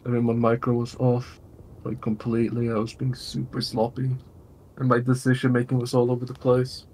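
A man sounds worn out as he talks through a match in casual chat. He trips over himself and restarts his sentences. Swear words come thick and fast. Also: medium pitch, monotone, darkish tone, slight background noise. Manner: swears freely, stumbles and restarts often. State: tired. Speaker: tournament player.

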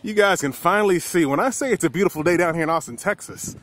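A man's voice: sits high, fast talker. A man talking casually and playfully to the camera in his home vlog, speaking slangy and straight to viewers. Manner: playful, animated, slangy, addresses viewers directly. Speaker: vlogger.

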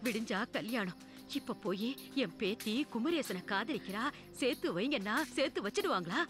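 A woman's voice: fairly high pitch, lively intonation, normal speed, close to an everyday voice. An actress playing an elderly grandmother who urges and protects her granddaughter in a film. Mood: urging, protective. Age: older. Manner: urging, tender yet commanding. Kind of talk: film dialogue. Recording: film soundtrack with loud music.

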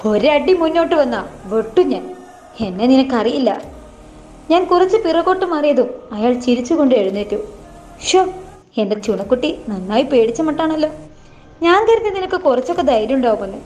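A woman reading a novel aloud in the first person, voicing every part herself in a plain, unhurried way. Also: sits high, expressive, darkish tone, slight background noise. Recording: dull lo-fi voice with faint music.

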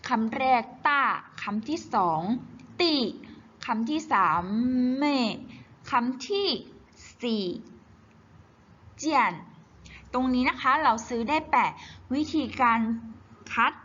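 A woman teaching Chinese in a slow, patient worksheet walkthrough, repeating each syllable clearly. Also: high-pitched, a bit bright. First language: Thai. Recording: slightly dull, faint hiss.

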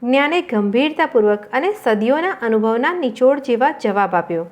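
High-voiced woman narrating a story. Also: lively intonation, normal speed.

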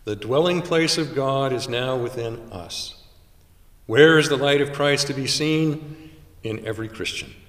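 A man in his sixties preaching a sermon from a pulpit in a small chapel, with measured delivery and dramatic pauses. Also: medium pitch, a bit bright. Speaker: chaplain. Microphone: stand mic at pulpit, far camera. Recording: roomy chapel echo from far off.

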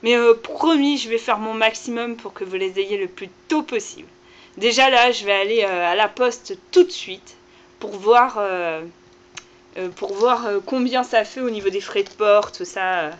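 A woman's voice: mid-range voice, unhurried, highs cut off. A woman author chatting casually on her video channel as she unboxes her book, filling her talk with "voilà" and hesitations. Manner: chatty, many fillers like "voilà" and "euh". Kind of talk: casual vlog chat.

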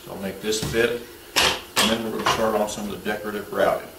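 In a roomy home garage workshop, a man in his thirties explains a woodworking build one step at a time. His voice sits on the low side with little pitch movement, a slightly fast pace and vocal fry, and his manner is plain, practical and instructive. The mic is distant, and tool noise is audible.

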